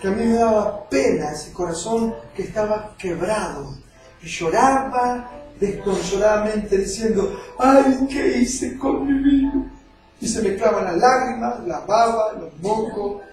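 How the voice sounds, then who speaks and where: High-voiced preacher in an echoey hall. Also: male voice, unhurried, a little mellow. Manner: emotional storytelling preacher, acting out quoted voices. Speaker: evangelist. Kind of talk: sermon with personal testimony. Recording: echoey far-off mic with faint music.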